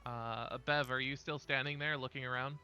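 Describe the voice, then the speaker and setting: A man narrating as dungeon master, in a relaxed way with frequent fillers. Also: medium pitch, moderate pace, lo-fi sound, faint music behind. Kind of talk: narrating a tabletop game.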